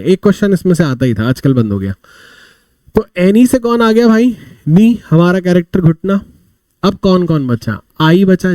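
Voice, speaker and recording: A man's voice: fairly high pitch, warm tone, smooth, no echo. A man teaching a vocabulary class, telling little stories to explain words and asking and answering his own questions. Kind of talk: live online vocabulary class.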